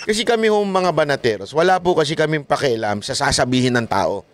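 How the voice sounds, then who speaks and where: Animated high-voiced male vlogger. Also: fairly quick, heavy background noise. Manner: animated, mocking, laughs often. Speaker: political vlogger. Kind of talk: casual political commentary.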